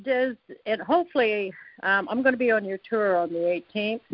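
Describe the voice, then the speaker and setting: A woman's voice: medium pitch, normal speed, dry recording. Woman caller on a muffled phone line. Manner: hesitant, repeats words. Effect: caller heard over a phone line. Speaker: radio show caller. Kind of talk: casual phone-in questions. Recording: dull lo-fi phone line, dry.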